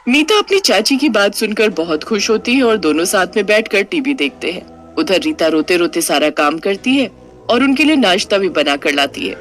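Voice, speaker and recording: A woman narrating a scripted cartoon story in a lively storytelling manner. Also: medium pitch, normal speed, faint music behind.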